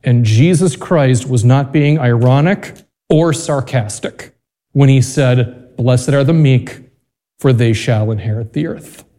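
Priest with cathedral echo. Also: male voice, medium pitch, warm tone. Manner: measured, deliberate reading, quicker casual asides in the homily. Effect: cathedral echo, long reverb of a large church. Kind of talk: Mass gospel reading and homily. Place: large church. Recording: long church reverb.

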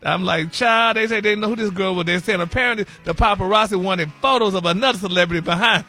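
Talking fast in a pushed, bright voice, a man performs his heavily acted high-voiced gossip-diva character for the celebrity gossip segment he regularly does on morning radio. Flamboyant and sassy, he drawls, giggles, and calls listeners honey and baby in gossipy, campy chat.

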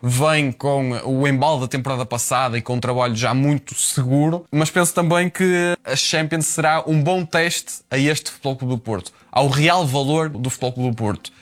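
Measured male sports commentator. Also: medium pitch. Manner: measured, hedging, with fillers. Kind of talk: radio panel analysis.

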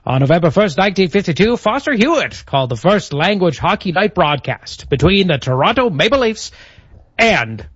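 A podcast host putting on an old-timey radio announcer voice, like an old radio show hockey caller. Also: male voice, very animated, moderate pace, a bit bright, breathy edge, no room sound, lo-fi sound, exaggerated voice. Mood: grandiose. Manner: old-timey radio announcer delivery, raised pitch, theatrical. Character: old-time radio hockey announcer, male, grand and formal.

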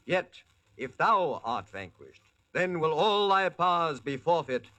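A man's voice: on the high side, sing-song, unhurried, a bit bright, no room sound. A solemn medieval king. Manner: solemn, formal archaic speech. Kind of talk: 1940s radio acting.

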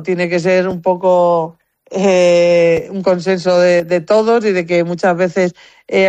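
A competitive shooter from Spain, speaking with a Spanish accent, answers interview questions in a casual, anecdotal way and often repeats words as she thinks. Her voice is fairly low and a little mellow, and the recording is dry.

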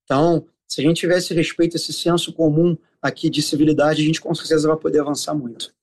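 A man with a Carioca Brazilian accent giving explanatory interview answers as a city official, often pausing and repeating filler sounds as he searches for words. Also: fairly high pitch, little pitch movement, a little mellow. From Rio de Janeiro, Brazil.

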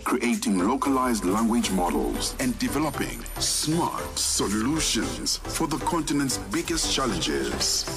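Male promo announcer over loud music. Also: lowish voice.

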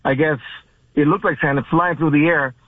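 A man from the Dominican Republic speaks as a guest on a radio call-in, halting and earnest, restarting his sentences often. His voice sits a little high. It comes through a tinny, dry phone line. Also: fairly even intonation, no echo. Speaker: baseball umpire, phone guest.

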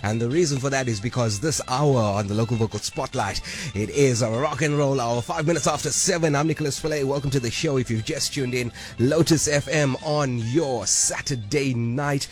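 Upbeat radio host. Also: male voice, medium pitch, soft background music. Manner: upbeat, hyping, quick asides. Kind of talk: lively radio presenting. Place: radio studio. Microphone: studio microphone.

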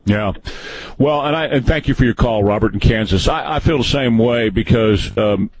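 A man's voice: mid-range voice, moderate pace, slight background noise, poor audio. A man in his early sixties hosting a call-in radio talk show, folksy and rambling with frequent restarts. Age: 60s. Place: radio studio.

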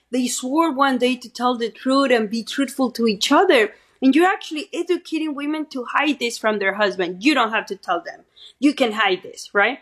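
A woman's voice: sits high, breathy edge. A middle-aged woman from Mexico City with a Mexican Spanish accent, giving a talkative interview testimony and often tagging on "right?". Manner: talkative, keeps adding "right?". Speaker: guest speaker and activist.

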